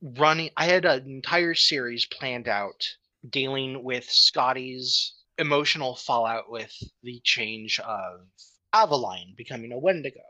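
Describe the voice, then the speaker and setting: Woman, 30s, podcast co-host and writer; unhurried, bright tone, casual and profane storyteller. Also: a bass voice, poor audio. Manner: loose, profane storytelling with many fillers.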